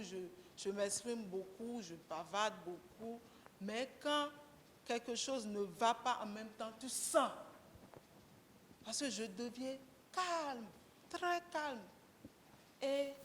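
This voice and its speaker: A woman, a guest speaker talking candidly and conversationally, with gentle humor, to a breakfast audience. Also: on the high side, in a large hall, a little hiss or hum. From Benin. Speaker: guest speaker, mechanic and garage co-owner.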